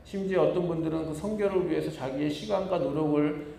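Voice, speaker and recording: Male pastor, Sunday sermon, fairly high voice, lively storytelling, long church-hall reverb. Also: brisk, creaky, a little hiss or hum. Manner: animated storytelling, acts out quoted complaints. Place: church sanctuary.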